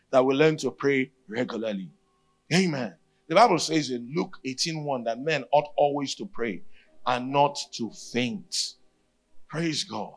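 Animated Nigerian preacher, a man. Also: a little high. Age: middle-aged. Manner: emphatic, repeating key phrases. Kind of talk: sermon. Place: stage at a church retreat, indoors. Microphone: handheld microphone.

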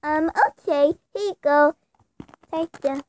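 A woman's voice: high-pitched, slow, voice pushed up. A young female performer voicing a shy six-year-old girl in a toy role-play video, using a baby voice and stammering with ums. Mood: timid.

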